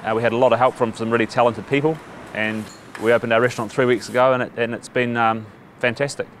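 A man's voice: medium pitch, fairly even intonation, quick pace. A man, a staff member at a brew bar, speaks upbeat in a documentary interview and reels off lists. A faint hum sits behind him.

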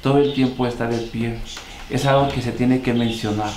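A man with a Mexican accent, speaking in a measured, halting way in an interview. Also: medium pitch, fairly even intonation, a little mellow, echoey room, slight background noise. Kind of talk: reflective interview talk.

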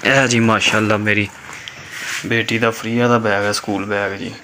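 A middle-aged man with a Pakistani Punjabi accent casually shows off school supplies for a home vlog, in a lowish voice with little pitch movement at a moderate pace. He's repetitive, often tagging "okay" and "mashallah," filming on a phone camera he holds in an indoor room at home, with loud background noise.

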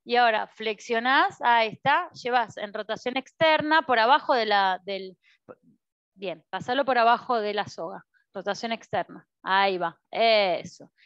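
A woman with an Argentine Spanish accent leads a Pilates class in a studio, calling out movements and frequently checking on and encouraging her students. Her fairly high, slightly bright voice comes through a dry recording with the highs cut off.

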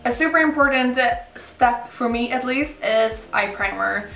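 A young woman gives a relaxed, informal makeup tutorial in a roomy indoor space. Her voice sits a little high, and she explains each step casually and without hurry. Soft music plays behind her. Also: measured pace, gravelly. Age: young adult. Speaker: beauty vlogger. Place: indoor room set up for filming, backdrop. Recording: roomy, slightly distant mic, music behind.

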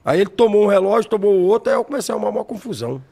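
A male chef, a podcast guest in a studio, telling an excitable story and repeating his phrases as he narrates a clip. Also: high voice, racing, creaky, slightly rough.

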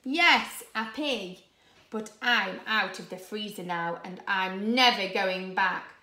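A woman voicing a naughty male pea villain who shouts and gloats in a storybook reading, recorded in an echoey room. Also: medium pitch, slow. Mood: gloating. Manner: gleeful, shouty, mocking.

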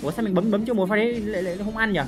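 A woman commentating on her own gameplay, excitable and full of loud, repeated exclamations. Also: mid-range voice, rapid-fire. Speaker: game streamer. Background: game music and sound effects.

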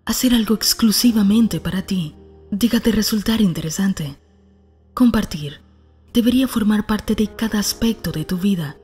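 A woman reading a scripted self-help narration in a calm, soft, breathy manner. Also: mid-range voice, normal speed, soft background music.

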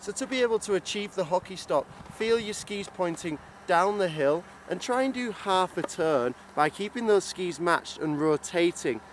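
High-pitched, upbeat male ski instructor outdoors. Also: expressive, moderate pace, few pauses, slight background noise. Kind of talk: instructional explanation to camera. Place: open ski slope outdoors.

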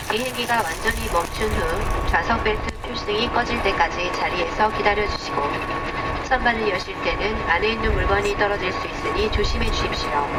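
A woman, a flight attendant, giving formal, polite in-flight announcements over a cabin loudspeaker. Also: medium pitch. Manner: formal, polite, evenly paced. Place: aircraft cabin. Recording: distant loudspeaker under loud cabin noise.

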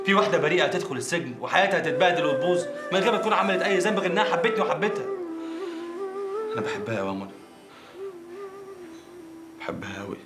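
A man's voice: high voice, racing, hardly any pauses, lightly acted. A man playing an earnest young engineer. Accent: Egyptian Arabic. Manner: earnest, soothing. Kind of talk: TV drama acting. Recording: roomy set with music score.

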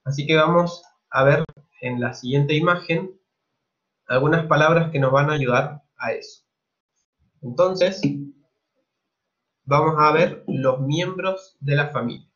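A man with a Chilean accent teaching a Mandarin lesson online, speaking slowly and patiently and repeating each new word twice. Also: on the high side, a bit bright, highs cut off.

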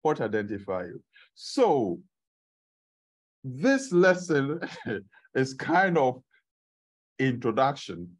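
Recorded by a camera far back in the room, a middle-aged man gives a sermon to a church congregation in a meeting room. He speaks slowly in a husky, sing-song voice of medium pitch, questioning his listeners along the way.

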